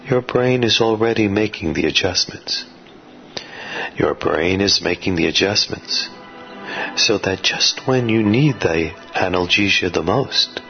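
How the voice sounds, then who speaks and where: A man narrating guided sleep hypnosis like a soothing sleep-story narrator, with measured, repetitive, suggestive phrasing. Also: low-pitched. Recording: dull lo-fi audio under music. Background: music.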